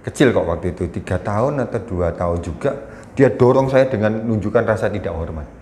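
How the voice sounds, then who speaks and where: A man's voice: on the low side, expressive, a little fast. A middle-aged man explaining parenting in earnest, conversational talk, now and then acting out an angry scolding parent. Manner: earnest and explanatory, acts out scolding parents with sudden loud bursts. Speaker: guest speaker on parenting. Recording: echoey room with faint noise.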